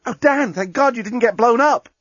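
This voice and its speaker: A man's voice: very high-pitched, moderate pace, fairly bright tone, no echo, lo-fi sound, voice pushed up. A man voicing a young woman who speaks in an urgent, pleading way.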